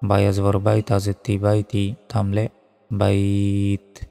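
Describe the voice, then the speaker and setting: A man teaching Quran recitation who spells out each letter and vowel mark, then chants the words slowly. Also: on the low side, completely flat delivery, creaky, mellow. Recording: long hall reverb with faint music.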